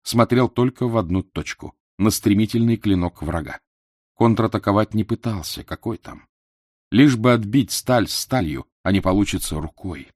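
A man reading a literary novel aloud as an audiobook narrator, in a measured, dramatic storytelling manner. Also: on the low side, animated, darkish tone, no echo, clean studio sound.

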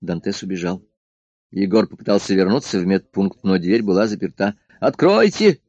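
A man narrating a novel as an audiobook, reading evenly and unhurried. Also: low voice, steady tone, mellow, no room sound. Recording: dull dry lo-fi studio recording.

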